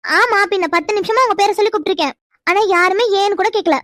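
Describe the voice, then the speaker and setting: A woman's voice: very high voice, fast, fairly bright tone, no echo, studio quality. A woman voicing a cheerful, eager young village girl in a cartoon, chatty and sweet. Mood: pleading. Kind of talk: cartoon voice acting.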